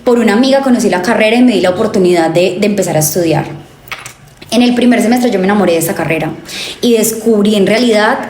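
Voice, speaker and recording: A young Colombian woman from the coffee region, a tourism graduate, tells her story as a guest in a conversational interview. Her mid-range voice is fast and animated, full of fillers and self-corrections. The room is echoey, with faint ambience and slight background noise.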